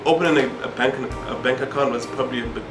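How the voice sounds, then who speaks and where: A man's voice: mid-range voice, fast. A man, an international student, thoughtfully explaining how he adapted to local customs. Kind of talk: documentary interview. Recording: echoey room with music.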